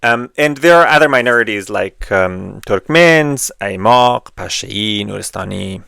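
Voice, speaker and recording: A man from Afghanistan giving an earnest, measured explanatory monologue, pausing often with fillers. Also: lowish voice, lively intonation, vocal fry, pushed and bright, smooth, dry recording, clean studio sound. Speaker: video essay host.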